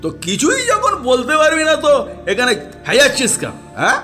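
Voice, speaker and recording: A man voices a short-tempered landlord in a radio play, barking orders and scolding. His bright, lively voice swings up and down with every rebuke. Soft music sits behind him. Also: on the high side, measured pace. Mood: impatient. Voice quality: impatient, scolding, commanding. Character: irritable, bossy male landlord master.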